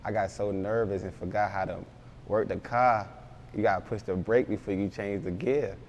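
A man's voice: fairly low pitch, steady tone, normal speed, darkish tone, slight background noise. A young man, a rapper, talking casually in an interview with loose, rambling street slang. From Baltimore, raised in Philadelphia.

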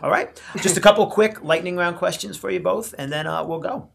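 A podcast host interviewing guests in a relaxed, jokey manner. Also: medium pitch, brisk, gravelly.

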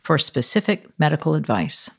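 A woman's voice: low voice, lively intonation, moderate pace, vocal fry, breathy edge. An older woman co-hosting a podcast in a conversational style. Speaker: podcast co-host.

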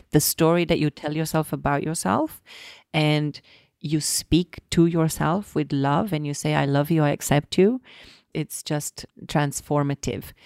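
A woman's voice: low voice, gravelly, dry recording, clean studio sound. A woman guest on a podcast, talking earnestly about self-love and acting out her inner dialogue. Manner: earnest, warm coaching tone, acts out inner dialogue. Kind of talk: casual podcast conversation.

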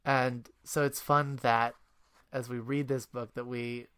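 A man's voice: mid-range voice, little pitch movement, unhurried, a bit bright, smooth. Chatty father telling stories. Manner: rambling anecdotes, laughing often. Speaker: parent guest. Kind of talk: casual chat.

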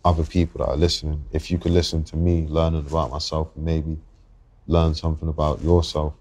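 A young Englishman in his 20s with a London accent, a guest rapper on a podcast interview, speaks in an extremely low voice with monotone delivery. He's reflective and halting, circling back to restart his thoughts.

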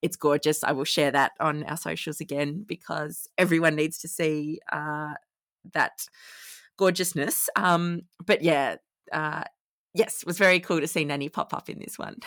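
A woman co-hosting a podcast in casual chat, lively and quick to laugh. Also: sits low, no echo. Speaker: podcast co-host.

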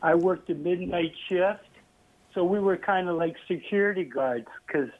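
A man's voice: high voice, moderate pace. A man from Toronto calling in to a radio talk show over the telephone, speaking bluntly and bitterly. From Toronto, Canada. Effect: heard over a phone line. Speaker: radio phone-in caller. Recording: tinny telephone line.

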